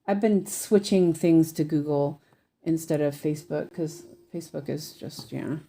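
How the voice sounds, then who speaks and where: A woman hosts a relaxed craft livestream in a low, soft-edged voice. She talks slowly, meandering as she thinks aloud. Her lisp gives the s sounds a slushy, sh-like edge. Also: husky. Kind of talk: casual livestream chat while stitching.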